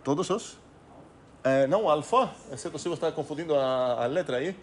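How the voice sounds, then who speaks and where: A man's voice: fairly high pitch, brisk. A man giving a recorded math lecture, thinking aloud with many fillers and restarts and putting questions to the class. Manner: asks students rhetorical questions.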